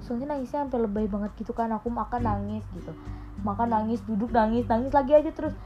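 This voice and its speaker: A woman's voice: on the high side, fast talker, dull audio, music in the background. A young woman in casual late-night chat, candidly and emotionally recounting her struggles, with many fillers. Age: young adult. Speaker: podcast co-host.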